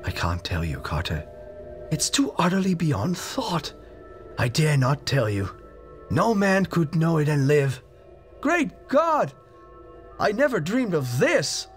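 A man voicing a terrified middle-aged explorer trapped underground, hoarse with fear and pleading frantically. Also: sits low, fairly even intonation, moderate pace, hardly any pauses, a bit bright, soft background music, pitched below the performer's own voice. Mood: despairing.

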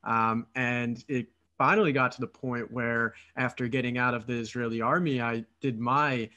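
Hosting a casual podcast interview via video call, this Philadelphia man in his thirties talks eagerly through a headset from his apartment, in long stretches with some fillers. His mid-range voice is sharp and steady at a moderate pace, and the audio comes across dull.

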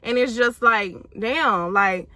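A woman's voice: on the high side, takes it slowly, sharp tone, dry recording. A young adult woman vlogger chatting casually from a car, blunt and emphatic, with slang and laughs. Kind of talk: casual chat. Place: inside a car.

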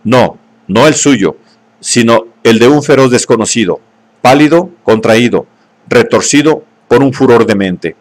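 A man reading a novel aloud in scripted narration, at a steady, measured pace. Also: mid-range voice. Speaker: audiobook reader.

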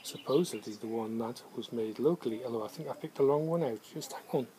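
A man's voice: mid-range voice, fast talker, heavy background noise. A man in his fifties chatting casually to the camera while filming himself outdoors in a garden, reviewing drinks and thinking aloud with ums. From England. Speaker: homebrew vlogger reviewing beer and cider. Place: garden outdoors on a sunny day. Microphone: camera at arm's length.

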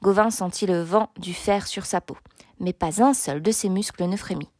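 A woman narrating a storybook chapter in a steady, expressive reading. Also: mid-range voice, normal speed, no room sound, clean studio sound. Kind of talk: audiobook narration.

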